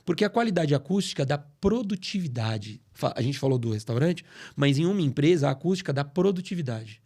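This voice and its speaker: A middle-aged man from Brazil, a guest on a podcast, explaining things in an animated, storytelling way in a studio. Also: fairly high pitch, fairly quick. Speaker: guest, acoustics company CEO. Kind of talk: casual podcast interview.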